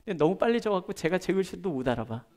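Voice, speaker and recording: A middle-aged man preaching a prayer-meeting sermon as a pastor, chatting through personal stories and moving between loud emphasis and soft, hushed asides. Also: high voice, sing-song, racing. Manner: conversational, tells personal stories with gestures.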